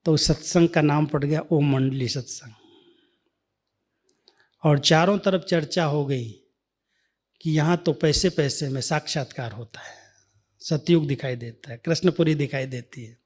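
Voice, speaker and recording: Man, spiritual speaker, slow and measured, slightly high voice, hushed asides. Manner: slow, measured, drops to soft near-whispers. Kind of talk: devotional storytelling talk.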